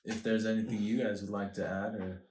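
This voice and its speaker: A man's voice: fairly low pitch, little pitch movement, brisk, a little mellow, slight background noise. A man co-hosting a podcast, asking curious questions and chiming in briefly. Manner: short interjections, curious questions. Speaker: podcast co-host. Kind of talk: casual chat. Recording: echoey room, off mic.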